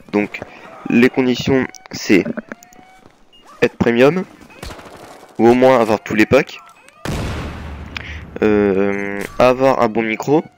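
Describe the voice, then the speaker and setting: Over gameplay footage, a young man speaks in a fairly low pitch, slightly congested from a cold, as he presents his gaming team. His casual narration stumbles along with lots of fillers and restarts, against a bit of background noise.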